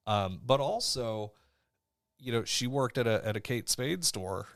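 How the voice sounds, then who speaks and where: A man in his thirties co-hosting a podcast, chatting in a relaxed, rambling way with lots of fillers. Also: mid-range voice, unhurried, dry recording, clean studio sound. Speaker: podcast co-host. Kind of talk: casual chat.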